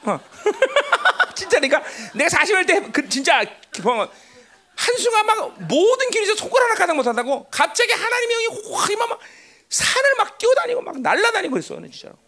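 A woman pastor delivers a sermon in a very high voice that leaps all over the place. She talks to the congregation like a chat, teasing them and checking in with "right?" after nearly every point. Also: fairly quick. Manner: lively and conversational, joking with listeners.

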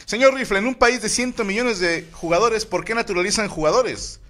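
Talking fairly quickly in a high-pitched voice, this Mexican-accented man runs a laid-back podcast full of group banter. He reads out listener shout-outs and messages while cracking crude jokes.

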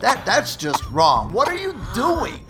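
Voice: medium pitch, takes it slowly, loud music behind the voice, voice pushed up. A narrator voicing an unflappable man who handles demons with dry sarcasm. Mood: sarcastic. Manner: deadpan and sarcastic.

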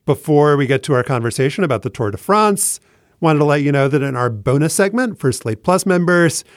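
A man's voice: fairly high pitch, animated, brisk, no echo, clean studio sound. A man hosting a podcast in a conversational presenting style, with a dryly joking manner. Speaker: podcast host.

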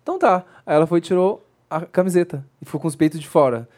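Man, young, slightly high, rapid-fire storyteller, acts out quotes. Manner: animated storyteller acting out quotes. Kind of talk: casual chat.

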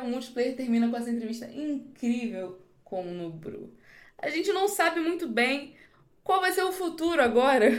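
A woman podcast host chatting through her sign-off, upbeat and quick to laugh, with her voice echoing around an empty, unfurnished room. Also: on the high side. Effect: echo of an empty room. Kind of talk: casual podcast outro. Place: empty newly moved-into home. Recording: echoey voice in a bare empty room.

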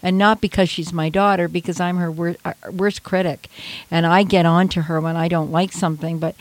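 Animated older woman guest on radio. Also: fairly low pitch, fairly quick, no room sound. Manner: animated storyteller who acts out her past self, laughs often. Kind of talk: radio interview.

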